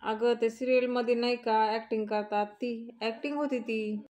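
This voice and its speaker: A woman's voice: a little high, steady tone, normal speed, darkish tone, natural voice. A woman playing a scheming young daughter-in-law. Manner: plotting, coaxing.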